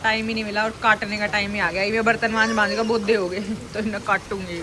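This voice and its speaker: A woman's voice: medium pitch, little pitch movement, brisk. A woman vlogger, talking casually to viewers on her phone camera and slipping in English words. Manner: chatty, addresses viewers directly, mixes in English. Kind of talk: casual vlog chat. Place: outdoors in rain, then at home. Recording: noisy outdoor phone recording.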